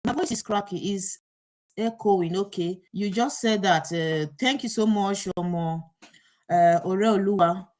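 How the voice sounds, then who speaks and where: At medium pitch and a slightly slow pace, a woman with a darkish tone hosts a live online program through an earpiece mic. She troubleshoots technical trouble aloud, flustered, restarting and filling gaps with fillers again and again.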